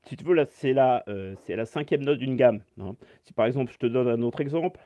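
A man's voice: mid-range voice, brisk, dry recording, lo-fi sound, soft background music. A man teaching saxophone in a live-stream Q&A, explaining step by step and answering chat comments aloud through his phone.

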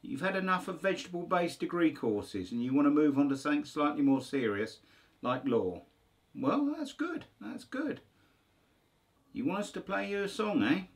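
A man's voice: on the high side, sing-song, fairly quick. A man hosting a band video, chatting jokily to viewers and acting out a phone call in a music room. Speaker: band host. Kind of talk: casual chat.

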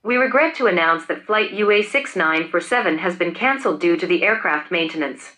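A woman making formal airport announcements, played over a loudspeaker and heard from a distance. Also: fairly low pitch, lively intonation, brisk. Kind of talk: scripted public announcement.

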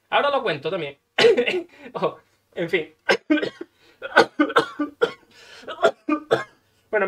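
Man telling stories while gaming. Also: sits high. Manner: animated, swears, acts out dialogue. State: coughing. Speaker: gaming streamer. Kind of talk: casual storytelling while playing.

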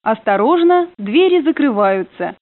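A woman's voice: fairly high pitch, a little slow, no room sound. A woman announcer over a train intercom. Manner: polite, formal, even announcing. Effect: played over a train intercom. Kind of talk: prerecorded transit announcements. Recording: narrow phone-like dry sound.

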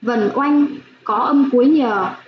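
A woman primary school teacher giving a slow phonics lesson for young children, spelling out sounds clearly with gentle instructions. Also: a little high. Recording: echoey room, dull lo-fi sound, faint hiss.

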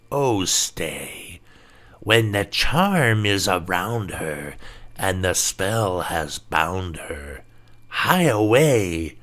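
A man chanting as a hoarse old fairy witch. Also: deep voice, a bit bright, pitched below the performer's own voice, full character voice. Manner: slow chanting singsong.

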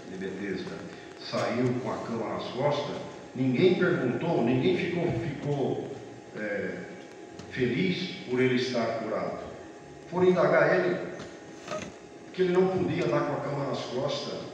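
A man preaching a sermon with a Brazilian Portuguese accent, calling the congregation brothers and building to fervent, loud passages. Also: mid-range voice, background noise. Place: large church hall. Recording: distant, echoey church hall recording.

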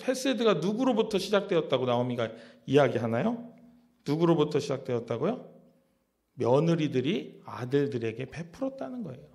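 Gravelly man preaching in a chatty way. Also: high-pitched, darkish tone. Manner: conversational, many rhetorical questions. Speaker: pastor. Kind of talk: sermon.

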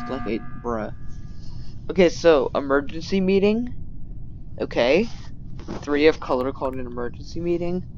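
Casual male gamer doing his own commentary, excitable and slangy, muffled home mic with light hiss. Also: fairly high pitch. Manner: slangy, excitable, talks to himself while playing. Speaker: gaming channel host. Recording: dull lo-fi mic with faint hiss.

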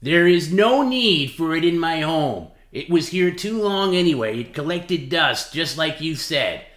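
This livestream host's voice is a little high and a bit bright, animated yet at a measured pace. He reads out dramatically between stretches of casual talk, repeating himself emphatically to goad. The recording sounds roomy and echoey.

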